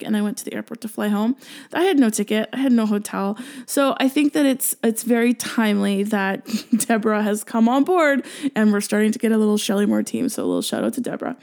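A woman's voice: mid-range voice, vocal fry, darkish tone. A Canadian woman hosting a podcast solo, chatting casually and effusively in a rambling way full of asides. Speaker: podcast host.

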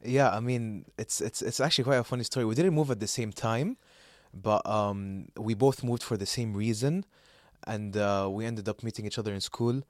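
A young Saudi man with a fairly low voice co-hosts a podcast, chatting casually at a moderate pace. He rambles, laughs a lot, and fills his talk with fillers and restarts, captured in a dry, clean studio recording.

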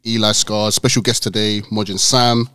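A man's voice: fairly low pitch, little pitch movement, normal speed, sharp tone, smooth, no echo, studio quality. A man with a London accent casually hosting a podcast, with everyday slang. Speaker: podcast host.

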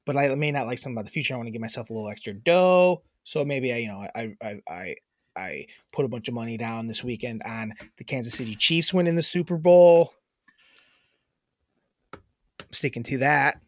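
A woman's voice: very deep voice, animated, brisk, no room sound, clean studio sound. Swearing, self-mocking podcast woman. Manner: self-mocking, swears freely, laughs at herself. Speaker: podcast co-host. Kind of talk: casual chat.

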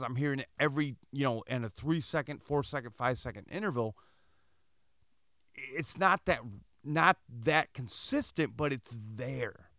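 A middle-aged Michigan man hosts a podcast, telling a story in a casual monologue with a mid-range voice, recorded dry in clean studio sound. He's animated and acts out the dialogue in quoted voices.

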